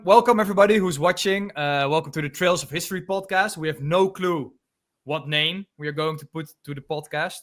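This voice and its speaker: A Dutch-accented man in his twenties from the Netherlands co-hosts a casual history podcast, chatting loosely and using many fillers. His voice is a little high with a fairly bright tone.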